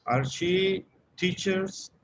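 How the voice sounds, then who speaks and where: A man answering in class with hesitation and unsure pauses, speaking English with a Mexican Spanish accent. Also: sits high, a crowd in the background, low-quality recording. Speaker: student.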